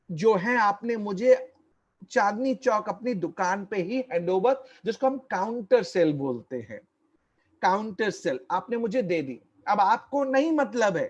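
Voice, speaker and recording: A man giving an online tax lecture, slow and deliberate, repeating key points and quizzing his listeners. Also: sits high.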